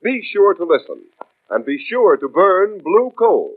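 A man's voice: sits high, sing-song, unhurried. An American man working as an old-time radio announcer, reading a script with formal, emphatic delivery on a vintage broadcast. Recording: tinny band-limited vintage radio broadcast.

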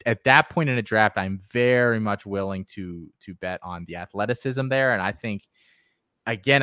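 A man's voice: lowish voice, pushed and bright, dry recording, studio quality. A man hosting a podcast, confidently giving his picks in a casual sports analysis chat. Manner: confident, gives firm picks and advice. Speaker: podcast host.

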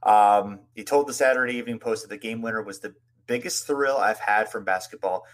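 Low-voiced man recounting sports history. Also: fairly quick. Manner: loose, filler-heavy narration with many "you know"s. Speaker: podcast host. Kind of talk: casual sports history chat.

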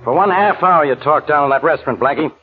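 A man's voice: fairly high pitch, fast talker, soft background music, lightly acted. An American actor playing an exasperated, suspicious male police inspector, blustering and insistent, in 1940s radio acting style. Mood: exasperated, demanding. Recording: tinny, narrow old-time radio recording.

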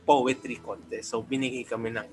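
A young man co-hosting a podcast, telling childhood stories in lively Tagalog and acting out quoted dialogue. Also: medium pitch, normal speed, faint music behind. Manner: animated storyteller, acts out quoted dialogue. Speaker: podcast co-host. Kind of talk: casual storytelling.

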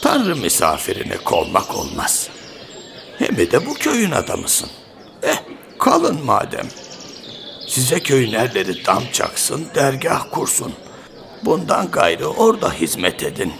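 An actor playing a cantankerous old village patriarch in a radio play, with folksy rural speech and a scolding manner. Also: male voice, medium pitch, wildly swooping pitch, measured pace, creaky, a bit bright, slight background noise, exaggerated voice. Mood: gruffly welcoming. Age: older. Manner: grumbling, scolding, rhetorical questions.

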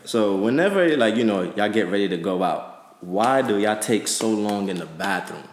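A man co-hosting a casual chat show, laid-back and quick to chime in with agreement. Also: lowish voice, lively intonation, echoey room. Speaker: co-host.

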